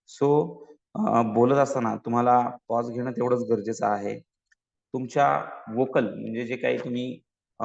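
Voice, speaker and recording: A man teaching a soft skills lesson, explaining through a story, often asking "okay?" and mixing in English words with a Marathi accent. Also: mid-range voice, vocal fry. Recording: dull sound with long reverb.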